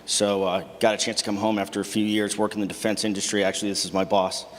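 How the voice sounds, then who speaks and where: A man's voice: lowish voice, flat delivery, fast talker. Hesitant man from Boston, reverberant hall. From Boston, USA. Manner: hesitant, many fillers. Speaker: team member introducing himself. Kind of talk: spoken self-introduction. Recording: long reverb in a large room.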